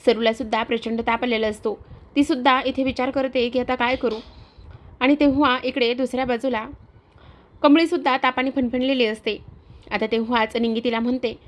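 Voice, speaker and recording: A woman narrating an episode of a TV serial in a steady storytelling manner. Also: fairly high pitch, a little fast.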